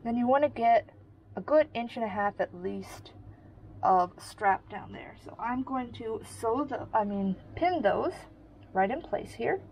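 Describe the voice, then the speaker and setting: Slow, higher-voiced woman teaching sewing. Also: lively intonation, darkish tone, slight background noise, rough recording. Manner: friendly step-by-step demonstrating while working. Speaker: sewing instructor. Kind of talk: casual craft tutorial.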